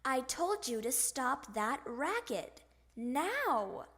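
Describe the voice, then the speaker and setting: A woman's voice: high voice, sing-song, very slow, a bit bright, heavily acted. A woman voicing a firm, scolding father frog in a picture book read-aloud. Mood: stern.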